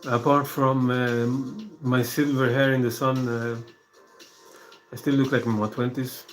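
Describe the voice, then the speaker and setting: A man, talking alone to a live-stream audience in a soft-spoken, rambling way with many pauses and fillers. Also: mid-range voice, little pitch movement, faint music behind. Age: 40s. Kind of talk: casual live-stream monologue.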